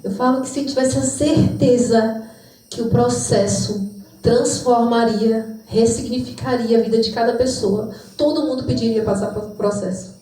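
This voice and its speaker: A woman's voice: a little high, steady tone, moderate pace, warm tone. A woman giving an emotional, reflective spoken testimony in church. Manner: emotional, reflective, sometimes sings. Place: church hall. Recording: distant mic in echoey church hall.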